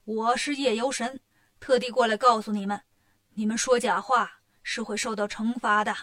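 A woman's voice: a little high, fairly even intonation, moderate pace, a bit bright, close to an everyday voice. A woman doing a bold, clever monkey hero. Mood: confident.

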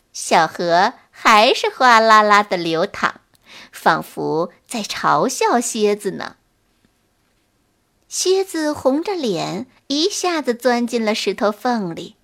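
A woman reading a children's bedtime story aloud, slow and expressive. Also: fairly high pitch, vocal fry.

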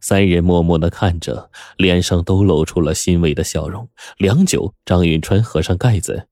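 A man's voice: low voice, normal speed, warm tone, no room sound, studio quality. A man narrating a story with dramatic delivery, the host of the show. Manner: dramatic, swings into character voices.

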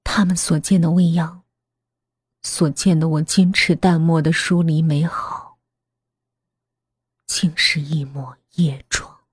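A woman narrating a horror story in a hushed, half-whispered voice. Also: deep voice, steady tone, slow pace, long pauses, slightly rough, dry recording. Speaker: voice actor narrating.

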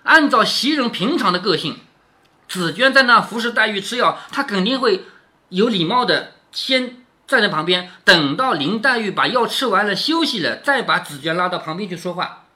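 A man reads a classic novel to his daughter at home and stops often to explain it in plain, chatty terms. His pitch moves a lot, and he drops low for quick check-in questions. The tone is bright and forward. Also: expressive. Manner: chatty, keeps asking "right?" with a dropping tag. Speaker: father reading to his daughter. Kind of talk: storytelling with casual commentary.

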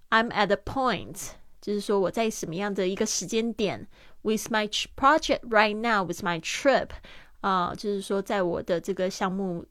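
A woman hosting an English lesson in Mandarin. She breaks phrases into parts and repeats them in a lively way. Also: medium pitch, dry recording. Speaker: English teacher and host.

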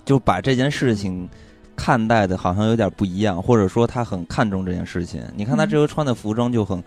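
A man co-hosting a casual podcast chat, explaining his views at length in a relaxed way. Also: on the low side, fairly quick, faint music behind. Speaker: podcast co-host.

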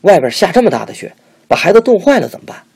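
A man voicing a stern older craft master who shouts indignantly at his wife. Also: medium pitch, wildly swooping pitch, a little fast, vocal fry, breathy edge, full character voice. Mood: furious.

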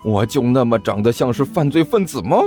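A man's voice: expressive, brisk, warm tone, faint music behind, close to an everyday voice. A man voicing a cheeky, chubby young man who sounds exasperated and whiny. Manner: whiny, exasperated, high-pitched.

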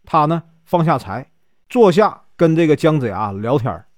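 A man's voice: fairly high pitch, sing-song, no echo, clean studio sound. A male storyteller with a Northeastern Mandarin accent, telling a classic tale in a chatty, folksy way. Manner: chatty, many drawn-out filler particles.

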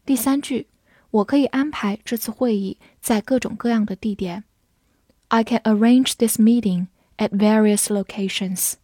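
A woman English teacher takes students through a vocabulary lesson. She talks slowly and draws out each word as she repeats it. Her slightly high voice is recorded close and dry. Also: mellow, no room sound. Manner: slow, drawn-out word repetition.

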